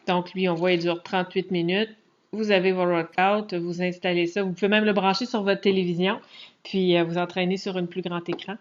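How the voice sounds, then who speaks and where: A woman's voice: fairly low pitch, fairly quick, a little hiss or hum. Chatty Quebec French woman, lo-fi. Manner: chatty, relaxed, frequent hesitations. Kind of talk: casual screen walkthrough tutorial. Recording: dull lo-fi recording.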